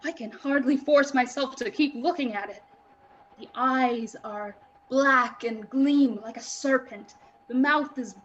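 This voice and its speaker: Performing a 1930s radio drama live, a woman plays a keyed-up reporter witnessing something both awe-inspiring and alarming, and she leans on suspenseful, dramatic pauses. Her pitch sits a little high. The sound is lo-fi, with slight noise in the background.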